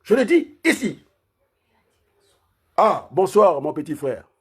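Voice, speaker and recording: A man delivering an impassioned political rant, firing off rhetorical questions and repeatedly raising his voice almost to a shout. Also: high-pitched, big pitch swings, takes it slowly, breathy edge. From Republic of the Congo. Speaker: political commentator.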